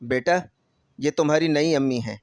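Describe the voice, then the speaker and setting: Figure: a man voicing a gentle father. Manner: calm, kindly. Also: fairly high pitch, dry recording, natural voice.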